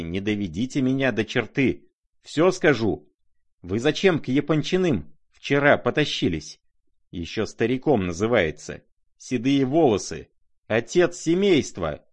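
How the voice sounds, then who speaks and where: A man voicing a bitter, shouting young son in a novel reading. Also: medium pitch, pitched above the performer's own voice.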